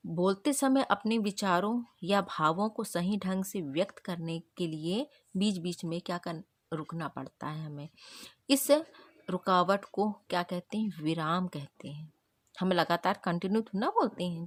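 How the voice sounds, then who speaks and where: A woman teacher leads a grammar revision lesson, putting questions to her class and then answering them herself. Her voice sits a little low and sounds close and dry, with no room echo.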